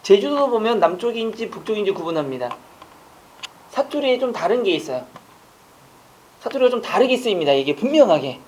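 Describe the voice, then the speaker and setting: A man teaching an online exam-prep lecture, quizzing listeners with rapid rhetorical questions and casual joking asides. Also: sits high, big pitch swings, a little mellow, slight background noise.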